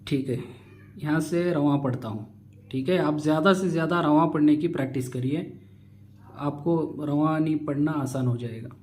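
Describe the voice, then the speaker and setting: A man teaching Quran reading. He spells out letters and vowels slowly, then explains the rules quickly. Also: on the high side, a little mellow. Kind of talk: slow spelled-out recitation lesson.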